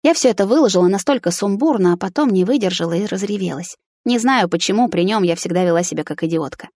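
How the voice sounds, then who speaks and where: A woman's voice: medium pitch, expressive, fast, a little mellow, no echo. A woman narrating a first-person audiobook in an emotional, confessional tone, close to the mic.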